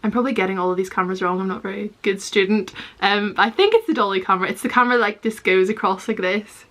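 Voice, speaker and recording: A woman's voice: mid-range voice, fast, fairly bright tone. A young woman, chatting casually and self-deprecatingly as she reacts to old TV footage of herself. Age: young adult. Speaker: vlogger.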